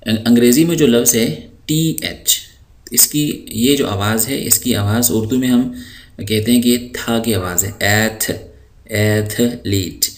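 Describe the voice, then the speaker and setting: In a recorded lesson, a man from Pakistan teaches English words, drawing each one out slowly before explaining it patiently. He uses frequent hesitation fillers, and his voice is mid-range.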